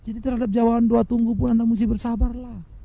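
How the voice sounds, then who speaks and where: Male pastor, high raspy-gravelly voice, animated sermon, lo-fi dry tape. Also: fast, no room sound. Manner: animated preaching, rhetorical questions, addresses congregation as brothers. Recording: dull lo-fi dry recording.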